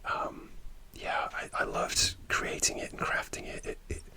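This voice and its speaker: Up close to the mic, a man whispers for ASMR, drifting through a halting story and often starting sentences again. He speaks a bit slowly.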